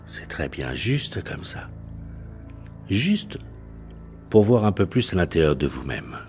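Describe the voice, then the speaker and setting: Male hypnotherapist, low voice, slow detached hypnotic delivery over faint background music. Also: big pitch swings. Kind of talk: guided hypnosis session. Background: soft music.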